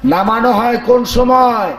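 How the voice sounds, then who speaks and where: A hoarse man delivers a sermon in a high voice, putting rhetorical questions to the crowd and chanting verses. The sound is echoey, as if through a public-address system. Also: a little slow, fairly bright tone, soft background music. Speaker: preacher. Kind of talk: Bengali waz sermon.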